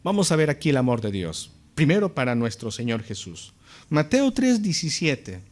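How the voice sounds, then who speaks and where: A man's voice: on the high side, very animated, normal speed. A man preaching a sermon as pastor, talking earnestly to his congregation and building to emphatic peaks.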